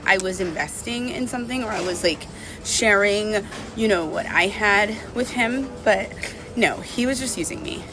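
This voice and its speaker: A woman vlogger tells the camera about her breakup in a candid, confessional, rambling way, peppering her speech with "like" and "you know." Her voice is mid-range, and there's background noise.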